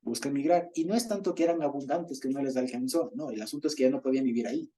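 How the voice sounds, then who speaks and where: Mellow-voiced man teaching Bible study. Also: mid-range voice, fast talker. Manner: keeps checking in with the group, reads passages aloud; chuckles while explaining.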